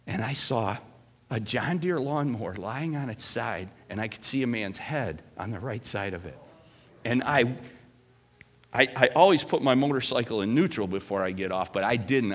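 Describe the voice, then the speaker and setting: A man preaching a sermon to his church, animated and swinging from loud emphasis to hushed asides. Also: fairly low pitch. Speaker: pastor.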